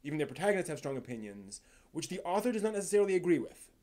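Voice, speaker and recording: Hosting a live stream, this man talks to viewers casually and unscripted, his dark voice sitting on the high side and swinging widely in pitch. He halts, thinks out loud, and reworks his sentences partway through.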